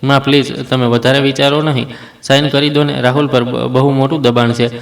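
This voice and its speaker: A man's voice: medium pitch, level tone, a little fast, vocal fry, lightly acted. A man voicing a grown daughter coaxing her mother to sign. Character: pleading grown daughter, under pressure. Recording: roomy echo, distant mic.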